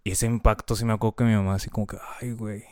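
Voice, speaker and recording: A man with a Mexican Spanish accent, speaking in a candid, slangy conversational way. His voice is smooth and resonant. The recording is dry and close, with little room sound. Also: fairly low pitch, level tone, rapid-fire, warm tone, dry recording. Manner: candid and heavily slangy, lots of filler words. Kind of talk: casual conversation.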